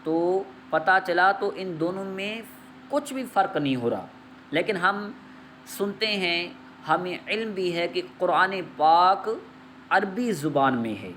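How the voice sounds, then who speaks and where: A man teaching a Quran reading lesson, opening with slow measured recitation and then patiently explaining the letters, repeating each point. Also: sits high, expressive, a bit bright, a little hiss or hum.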